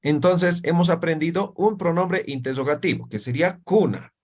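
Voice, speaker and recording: A man's voice: fairly high pitch, normal speed, darkish tone, slight background noise. A man, an Aymara speaker, teaching an Aymara language class and checking understanding with frequent tag questions. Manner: explains with constant "¿no ve?" tag questions. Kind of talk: classroom lesson.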